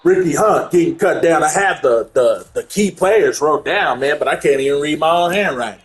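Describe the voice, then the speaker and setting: Playing through a football video game, a man narrates his own gameplay in casual play-by-play, growing loud and excited when big plays happen. His voice is on the high side, stuffy from allergies, at normal speed, with soft background music.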